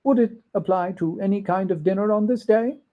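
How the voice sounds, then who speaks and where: A man's voice: high-pitched, brisk, highs cut off, pitched above the performer's own voice, close to an everyday voice. A man voicing an earnest, challenging old miser in a storybook reading. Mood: curious.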